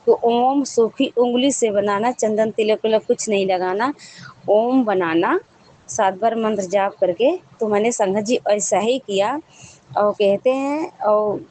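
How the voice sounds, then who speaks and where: A woman's voice: medium pitch, a little slow, warm tone, rough recording. A woman sharing a devotional testimony with a congregation, telling her story in a rambling, repetitive way with frequent restarts.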